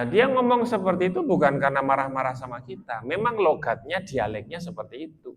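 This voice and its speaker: A man from Central Java with a Central Javanese accent, preaching in a chatty, joking way and asking the audience questions. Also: medium pitch. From Magelang, Central Java. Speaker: Islamic preacher. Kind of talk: sermon to a village gathering.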